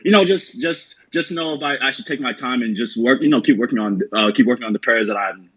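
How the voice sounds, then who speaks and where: A man's voice: medium pitch, quick pace, fairly bright tone, breathy edge, poor audio. A man with an Atlanta accent calls in for advice, speaking hesitantly and circling back on his words. His talk is casual and slangy, full of fillers. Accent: Southern US (Atlanta). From Atlanta, USA. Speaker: caller asking for advice. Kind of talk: casual chat.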